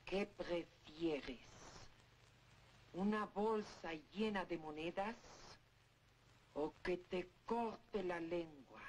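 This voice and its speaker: An actress playing a cold, imperious housekeeper who interrogates with menace, in an old gothic horror film. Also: female voice, fairly low pitch, extremely slow, darkish tone. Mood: cold threat. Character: menacing, suspicious German-titled housekeeper, cold and threatening. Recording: slightly noisy old film soundtrack.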